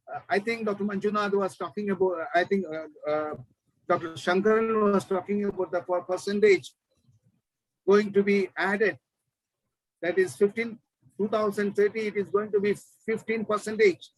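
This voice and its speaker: High-voiced impassioned professor. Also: male voice, fairly bright tone, dry recording, rough recording. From Kerala, India. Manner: impassioned, rhetorical questions, frequent restarts. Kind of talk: press conference remarks.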